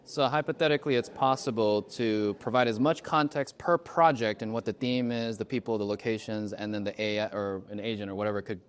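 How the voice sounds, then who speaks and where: Low-voiced male audience member. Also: brisk, few pauses, smooth. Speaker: audience member asking a question. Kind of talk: audience question.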